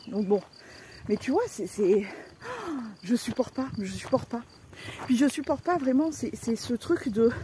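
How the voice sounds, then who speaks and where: A woman vlogger talking in a blunt, outspoken, colloquial way, with casual swearing. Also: on the high side. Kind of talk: casual vlog rant. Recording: loud background noise.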